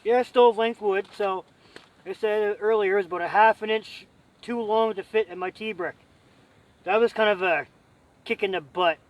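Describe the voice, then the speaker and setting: A man's voice: sits high, moderate pace, distant mic, low-quality recording. A man hosting a camping vlog, chatting casually to camera and a friend in a rambling, joking, folksy way.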